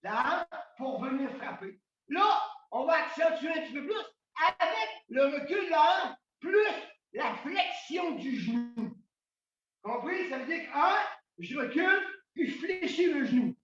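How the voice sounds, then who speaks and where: Québécois man, karate instructor, high slow shouted commands, far off in echoey dojo. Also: expressive. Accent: Québécois French. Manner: calls counts in Japanese, loud commanding, explains between drills. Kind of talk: shouted martial arts class instruction. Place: large dojo hall. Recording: echoey hall, from far off, dull.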